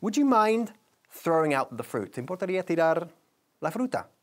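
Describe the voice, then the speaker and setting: A man teaching English on TV, explaining phrases and drilling pronunciation by repeating words slowly. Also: on the high side, very animated. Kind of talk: TV language lesson.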